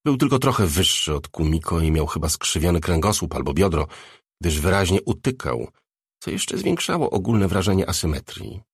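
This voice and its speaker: A male audiobook narrator with a deep, gravelly and husky voice. He reads in a measured yet lively way, with his pitch moving a lot, recorded close in a dry booth. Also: dry recording. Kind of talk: scripted narration.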